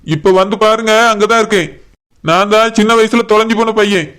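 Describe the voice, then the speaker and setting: A man's voice: sits high, a little fast, a bit bright, smooth. A man with a Kanyakumari Tamil accent voicing a stern young man who scolds and threatens his drunk brother-in-law.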